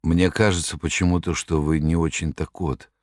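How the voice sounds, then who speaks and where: A man voicing a tired, gentle male writer in an audiobook. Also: rumbling low, level tone, moderate pace, no room sound, studio quality. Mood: hesitant. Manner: quiet and tired. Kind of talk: audiobook reading.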